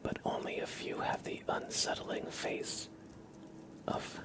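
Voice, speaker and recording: Speaking in a hushed, whispery murmur, this ASMR livestream host chats casually with his stream viewers, his words coming gently and with hesitation.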